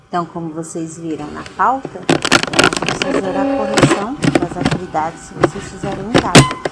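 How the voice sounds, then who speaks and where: A woman's voice: lowish voice, normal speed, heavy background noise. A woman teacher giving a recorded lesson, explaining patiently and speaking directly to her students.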